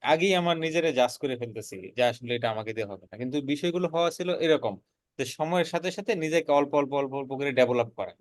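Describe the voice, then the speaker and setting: Fast-talking man, earnest. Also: mid-range voice, no echo. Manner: earnest, repeats words while building a point. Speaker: freelancer guest. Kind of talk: casual conversational storytelling.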